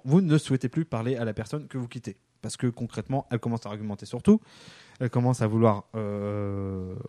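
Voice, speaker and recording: A man under fifty giving a comic spoken column, acting out quick bits of dialogue in a lively way. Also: medium pitch, dry recording, studio quality. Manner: lively, acts out quick dialogue in different voices.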